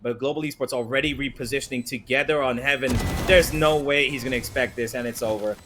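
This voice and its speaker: A man working as an esports caster, giving live play-by-play on a shooter match in an excitable, urgent manner. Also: medium pitch, quick pace, noisy background. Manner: excitable, rising urgency in action.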